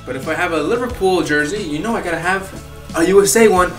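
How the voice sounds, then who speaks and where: Casting note: young male vlogger from Peru, slightly high voice, gushing and chatty, recorded in an echoey room with faint music behind. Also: fast talker, a bit bright, far from the mic. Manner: rambling, filler-heavy and enthusiastic. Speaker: YouTuber. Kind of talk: casual vlog chat. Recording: roomy echo, off-mic, faint music.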